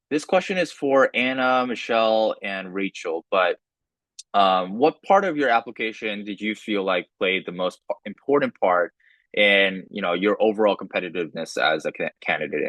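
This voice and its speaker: Low-voiced young man moderating a panel. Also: normal speed, no room sound. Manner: relaxed, many fillers and restarts. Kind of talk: casual moderating on a video call. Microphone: video call.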